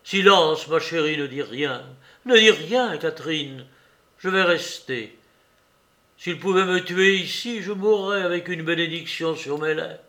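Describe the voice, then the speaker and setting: A man voicing a passionate, defiant young man who speaks urgently and loudly, in an audiobook reading. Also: fairly high pitch, a little slow, voice pushed up. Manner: urgent, forceful, loud.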